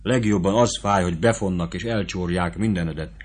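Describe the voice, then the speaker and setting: A man voicing a shrewd, bossy army sutler woman who lectures a young soldier in an audiobook. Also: sits low. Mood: scolding. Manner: scolding, rapid motherly advice. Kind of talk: audiobook character voice.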